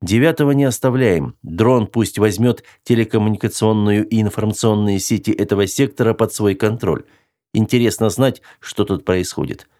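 Man doing a calm, commanding space captain. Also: lowish voice, moderate pace, natural voice. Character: cool, confident male space captain. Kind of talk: audiobook character voice.

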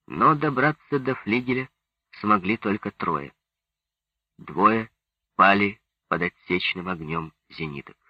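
A man narrates a book in a slow, even manner. His voice is husky and on the low side. The recording is dry and dull, as on a lo-fi audiobook. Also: dry recording. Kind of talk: scripted narration.

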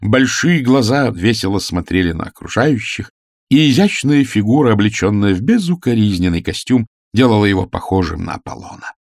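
A man narrating a humorous story as an audiobook, reading in an expressive literary manner. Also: fairly low pitch, a little fast, dry recording, studio quality.

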